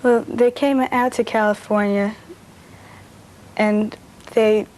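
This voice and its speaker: A woman speaking haltingly about her experience, searching for words. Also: a little high, fairly even intonation, darkish tone, low-quality recording. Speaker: interviewee. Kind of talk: personal account.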